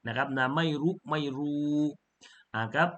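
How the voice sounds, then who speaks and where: In a Quran reading lesson, a man slowly spells out syllables, corrects pronunciation, and chants the verse melodically. His voice is slightly high with a fairly bright tone, and the recording's high frequencies are cut off.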